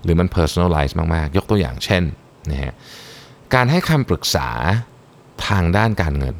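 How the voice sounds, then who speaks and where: Lively deep-voiced Thai man. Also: moderate pace. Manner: lively, mixes English terms, frequent polite particles. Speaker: podcast host. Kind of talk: solo explanatory talk.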